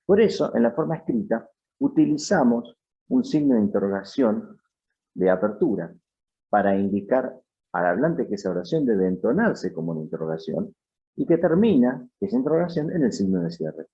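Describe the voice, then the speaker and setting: Low, lively-voiced male teacher. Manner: measured, explanatory, reads out example sentences. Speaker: English teacher. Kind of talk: scripted lesson narration. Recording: dull, lo-fi sound.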